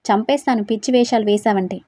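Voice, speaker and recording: A woman voicing a hurt, fiery young wife who shouts and argues indignantly. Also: medium pitch, quick pace, no echo, close to an everyday voice. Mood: angry.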